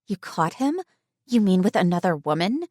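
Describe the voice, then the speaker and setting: A woman reading an audiobook, voicing a caring, sleepy young woman who fires off quick worried questions to her best friend. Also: fairly low pitch, sing-song, a little mellow, no room sound, studio quality. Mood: concerned. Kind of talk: audiobook character voice.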